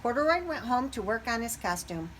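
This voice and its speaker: A woman reads a children's picture book aloud with lots of expression, stopping now and then to ask the young listeners questions. Her voice is fairly high, sing-song and fairly bright, with a little hiss or hum in the background.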